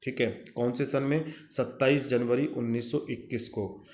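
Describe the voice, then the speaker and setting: A man's voice: medium pitch, steady tone, normal speed, a little mellow. Lecturing man in an echoey room. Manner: repeats dates and asks then answers his own questions; mixes English terms into Hindi. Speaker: teacher. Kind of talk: classroom lecture.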